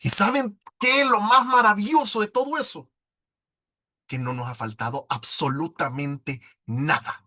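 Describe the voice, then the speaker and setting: A man's voice: high voice, measured pace, bright, forceful tone. A middle-aged man, telling his personal faith testimony with emotion and acting out past conversations. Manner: emotional storytelling, acts out past dialogue. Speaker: testimony speaker at a prayer group.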